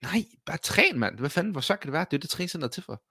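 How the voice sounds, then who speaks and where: A man co-hosting a fitness podcast, telling gym stories in a casual, animated way and swearing freely. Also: fairly high pitch, husky, no room sound, clean studio sound. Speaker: podcast co-host. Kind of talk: casual chat.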